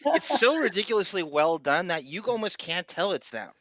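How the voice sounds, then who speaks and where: A man's voice: high-pitched, sing-song, moderate pace, a crowd in the background, rough recording. A man co-hosting a casual chat with teasing, joking banter. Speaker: co-host.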